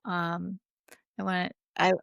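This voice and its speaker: This woman's voice sits on the low side with little pitch movement, a slow pace, vocal fry, and a slightly bright quality, captured in a clean studio with no room sound. A healer guesting on a podcast, she earnestly and informally shares stories and reads out testimonials, leaning heavily on "like" and "right?"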